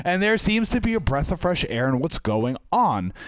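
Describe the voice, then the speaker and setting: Crisp-voiced joking male podcast co-host. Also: on the high side, big pitch swings, moderate pace, no echo, studio quality. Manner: joking, profane, self-deprecating. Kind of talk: casual chat. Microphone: close podcast mic.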